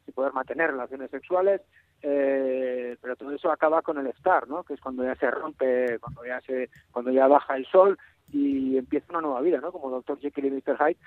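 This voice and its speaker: Man, correspondent, thin phone line with no bass, mask-muffled, halting casual talk, dry. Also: dry recording. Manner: halting, with many restarts. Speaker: foreign correspondent. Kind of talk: casual live call-in chat.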